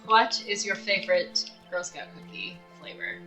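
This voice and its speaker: A woman's voice: medium pitch, fairly even intonation, normal speed, bright, forceful tone, faint music behind. A woman streaming a game, chatting casually with her viewers and thinking aloud. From United States. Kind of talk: casual live-stream commentary while gaming.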